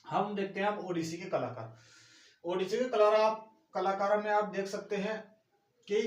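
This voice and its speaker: A male teacher runs an exam-prep lesson and keeps quizzing his students with rhetorical questions. His voice is fairly high. He sounds roomy and set back from the microphone. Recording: echoey room, mic at a distance.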